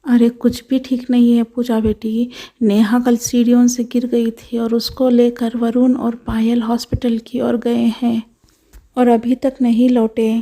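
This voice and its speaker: A woman's voice: fairly high pitch, monotone, a little slow, warm tone, voice pushed down. A woman voicing a kindly but worried old grandmother who scolds in a fretful way, in a doll storybook video. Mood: relieved, worried.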